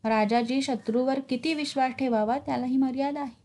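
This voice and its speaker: A scheming Mughal general with a sly, mocking edge, read by a woman. The voice sits fairly high and sounds mellow and soft-toned. It is a narrated storybook scene. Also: steady tone, fairly quick. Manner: sly, taunting delivery.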